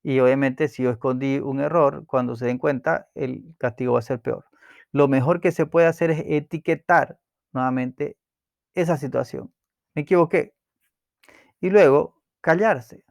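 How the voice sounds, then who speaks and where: Calm man explaining a book, dry sound. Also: mid-range voice, moderate pace, gravelly, dry recording. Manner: calm, explanatory, with hesitations and repeated words. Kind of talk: explaining a self-help book.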